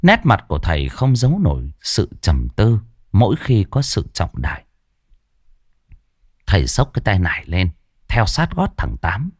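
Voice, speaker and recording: Deep-voiced man telling a ghost story. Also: normal speed, no echo, studio quality. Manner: expressive, dramatic storytelling. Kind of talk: scripted narration of a ghost story.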